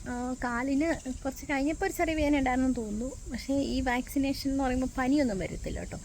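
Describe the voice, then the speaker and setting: A woman's voice: sits high, fast talker, a little mellow, slight background noise, rough recording. A mother chatting casually in a family vlog, explaining her day as she goes. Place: outdoors and in a car.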